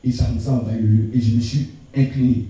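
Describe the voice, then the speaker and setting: A man giving a church testimony, telling it in an animated way with many repetitions and stammers. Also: medium pitch, quick pace. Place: church hall. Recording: echoey church hall mic from a distance.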